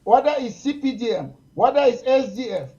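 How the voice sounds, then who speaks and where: A man's voice: very high voice, lively intonation, a little fast, warm tone, dull audio. A man from Cameroon, a political guest pressing his points insistently in a heated talk show debate.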